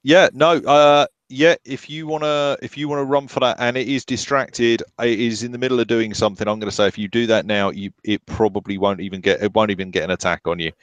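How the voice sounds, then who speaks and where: A man running a tabletop horror game as game master, narrating haltingly with many ums and restarts. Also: medium pitch, steady tone, dry recording, highs cut off.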